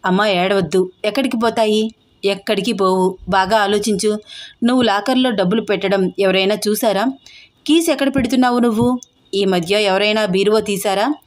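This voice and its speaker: A woman's voice: medium pitch, moderate pace, close to an everyday voice. A woman voicing an earnest young man, frustrated and pleading with his family. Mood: firm.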